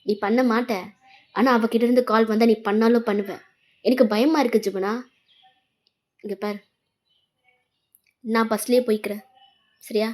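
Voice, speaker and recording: A woman's voice: fairly high pitch, steady tone, measured pace, long pauses, a little mellow, close to an everyday voice. A woman voicing a hurt, angry young woman who scolds her boyfriend with sarcasm in a fan fiction voice-over. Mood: bitter. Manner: bitter, sarcastic.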